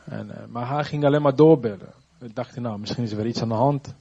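A man giving a personal faith testimony, halting and searching for words, earnest and reflective. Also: mid-range voice, creaky, dark tone, husky, dull audio.

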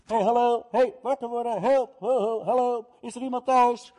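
A preacher puts on a frantic man hammering on a door in the dead of night, calling out to wake the house. His raised, high voice shouts urgently. Long reverb from a large hall trails each call. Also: animated, moderate pace. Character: desperate man pounding on a friend's door at midnight.

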